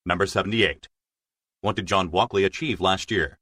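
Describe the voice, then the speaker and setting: A man reading scripted exam narration as a test narrator, in a formal, measured way. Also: low-pitched, pushed and bright, no room sound.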